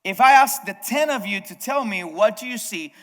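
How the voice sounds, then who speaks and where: A male pastor, a native Spanish speaker, delivers a sermon during a church service, talking straight to the congregation and frequently starting his sentences over. His high, fairly bright voice has lively intonation at a moderate pace, and the hall echoes.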